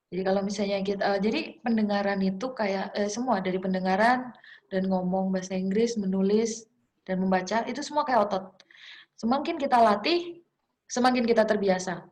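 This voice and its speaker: A woman's voice: mid-range voice, a little fast, a little mellow. A young woman teacher gives an informal class lecture, talking in a chatty, encouraging way with many fillers and restarts. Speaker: English teacher.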